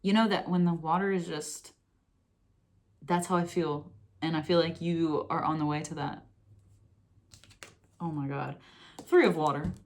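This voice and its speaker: A young woman giving a casual tarot reading, excitable and gushing, often breaking into laughter. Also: sits low, unhurried, pauses often. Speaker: tarot reader.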